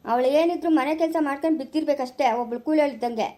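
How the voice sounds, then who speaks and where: A woman's voice: racing, warm tone, lightly acted. Woman doing a bossy scheming mother-in-law. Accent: rural Chikkaballapura Kannada. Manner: bossy, lecturing, low and firm. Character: scheming older village mother-in-law, domineering.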